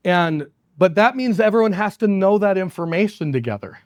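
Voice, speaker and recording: Keynote speaker: man, high voice, animated storyteller, dry close sound. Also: moderate pace, no echo. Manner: animated, laughs often, acts out quoted people. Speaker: company executive giving a keynote. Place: conference stage.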